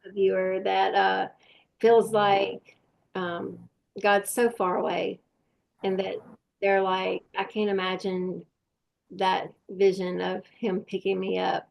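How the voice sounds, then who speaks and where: A woman's voice: medium pitch, flat delivery, slow, gravelly. A woman hosting a faith podcast, speaking in a thoughtful, searching way. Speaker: podcast host. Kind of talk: faith-based conversation.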